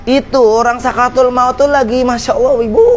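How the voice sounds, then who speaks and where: A man's voice: very high voice, steady tone, fairly quick, slight background noise. A man preaching an Islamic study lecture to women, in a conversational way, often putting questions to his listeners. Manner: conversational, asks the audience questions.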